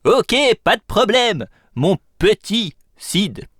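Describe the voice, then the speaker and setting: Boastful cartoon kid. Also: female voice, mid-range voice, sing-song, slow pace. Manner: boastful, playful.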